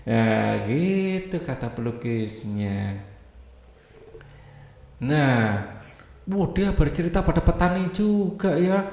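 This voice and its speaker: A man reads a children's storybook aloud in a lively, unhurried way, with a slightly high voice. He keeps breaking off to explain each line to the young listeners. The room around him is echoey. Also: vocal fry. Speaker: teacher.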